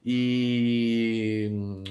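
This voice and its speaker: A man's voice: medium pitch, little pitch movement, extremely slow. A man who teaches languages, casually explaining words in a vlog and repeating example words aloud, with many fillers. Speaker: language teacher and video creator. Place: home room with a gaming setup. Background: music playing softly in the background.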